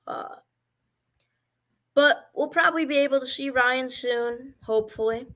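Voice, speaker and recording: A man's voice: extremely high pitch, measured pace, bright, forceful tone. A man doing amateur baseball play-by-play commentary, rambling and stumbling over player names.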